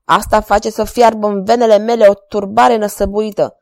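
A woman's voice: medium pitch, little pitch movement, gravelly, no echo, clean studio sound, close to an everyday voice. A woman playing a jealous, raging king. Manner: loud, impassioned, overwrought. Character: passionate, domineering middle-aged king.

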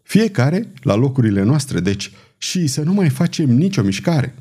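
A man's voice: medium pitch, sing-song, mellow, slightly rough. A man doing a tense, commanding conspirator. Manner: urgent, commanding, clipped. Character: tense, daring male conspirator leading an ambush.

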